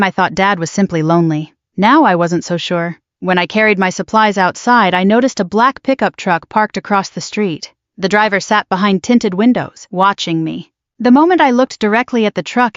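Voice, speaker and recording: Woman in her sixties, storytelling narrator, steady delivery, muffled lo-fi track, no room echo. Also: medium pitch. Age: 60s. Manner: steady first-person storytelling. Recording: dull lo-fi dry voice track.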